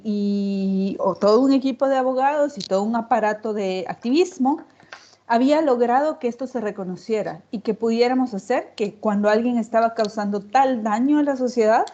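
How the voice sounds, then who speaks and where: Mellow, higher-voiced woman giving a talk. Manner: emphatic, repeats phrases for rhetorical effect. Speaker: panel speaker. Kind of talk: unscripted public talk. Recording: dull, lo-fi audio.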